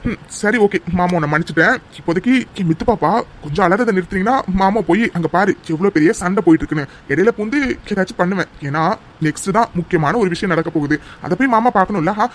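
Man, cartoon big brother, teasing and affectionate, high voice, rapid talk. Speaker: narrator voicing a doting older brother. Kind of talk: cartoon story voice acting.

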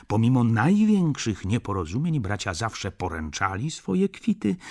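A man reading a classic novel aloud as an audiobook with expressive narration. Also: lowish voice, slightly rough. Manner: expressive storytelling. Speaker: audiobook reader. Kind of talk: scripted narration.

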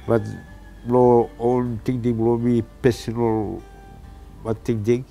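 Male village elder, 70s, Solomon Islands accent, halting Pidgin, creaky and soft-edged. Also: medium pitch, little pitch movement, soft background music. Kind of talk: interview. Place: in front of a dark plank wall.

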